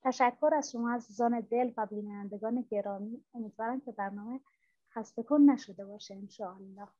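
A woman's voice: fairly high pitch, fairly even intonation, warm tone, no room sound. Courteous woman on a dry, dull call. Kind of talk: closing remarks on a call.

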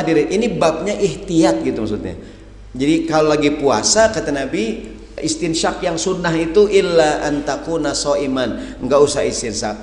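A man preaching a lively, humorous sermon to a live audience, often acting out the people who come to him with questions. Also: on the high side. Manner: animated, acts out questioners, addresses audience as hadirin. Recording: echoey hall with long reverb.

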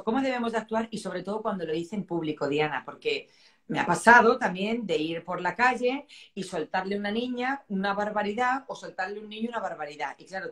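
A woman, interviewing in a chatty way, agreeing often and asking follow-up questions. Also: mid-range voice. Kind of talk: conversational interview.

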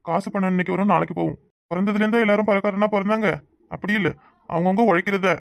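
A man plays a proud, loving cartoon husband who speechifies about hard work and his wife. His voice is high for a man and quick, recorded dry and close. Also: steady tone, creaky, no room sound. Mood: earnest. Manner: earnest, speechifying. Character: proud devoted young husband, brave about being broke.

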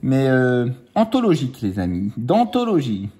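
Playful man with a lively voice. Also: mid-range voice. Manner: playful, teasing, drawn-out number counting. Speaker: scratch-card vlogger. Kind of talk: casual chat while scratching lottery tickets. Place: at home with his children nearby.

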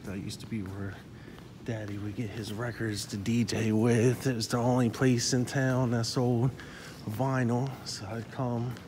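A man's voice: medium pitch, noisy background. Man reminiscing on a mall walk. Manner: reminiscing, pointing out old stores. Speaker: vlogger touring a closed mall. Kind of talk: casual walking tour narration. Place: large empty indoor mall. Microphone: handheld phone camera.

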